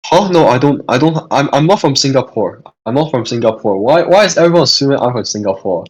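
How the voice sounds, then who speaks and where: Husky-voiced young man tutoring online. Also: medium pitch, expressive, fast talker, rough recording. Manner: hesitant, repeats and restarts phrases, answers chat questions. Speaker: student tutor hosting a revision session.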